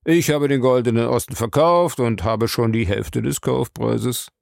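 A man voicing a smooth-talking, evasive male bar owner in an audiobook, lifting his voice higher and giving it a changed tone. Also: a little slow, dry recording, clean studio sound.

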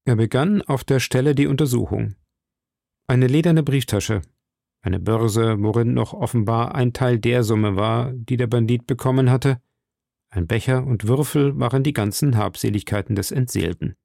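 A man reading a classic adventure novel aloud as an audiobook, in measured storytelling. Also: medium pitch, gravelly, dark tone, dry recording, clean studio sound. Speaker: audiobook reader.

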